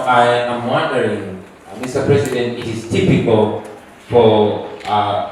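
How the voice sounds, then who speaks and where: Ugandan man asking a polite question, low voice, far off in an echoey hall. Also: slight background noise. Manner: polite, builds up his question. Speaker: audience questioner. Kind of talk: conference question. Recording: echoey hall, distant mic.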